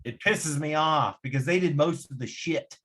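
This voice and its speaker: A man's voice: a little high, normal speed, a bit bright. A man hosting a veterans' podcast, talking casually, swearing a lot, emphatic and heated. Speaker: podcast host. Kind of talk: casual profane chat.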